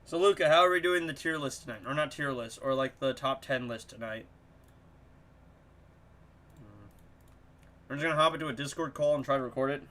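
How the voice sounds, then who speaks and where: A man's voice: medium pitch, a little fast, long pauses. A young man giving casual, joking commentary to his chat while he plays a video game. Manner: excitable, joking, talks to chat. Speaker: streamer.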